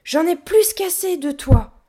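Brief: woman voicing a gruff storybook gorilla who loves books and shouts in irritation. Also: fairly high pitch, expressive, moderate pace, voice pushed up, close to an everyday voice. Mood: angry. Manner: shouting, indignant. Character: gruff loud female gorilla, book-loving, short-tempered. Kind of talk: audiobook reading.

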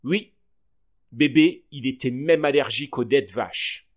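A man's voice: mid-range voice, a little slow, close to an everyday voice. A man voicing a timid, sheepish father in a storybook reading. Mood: meek.

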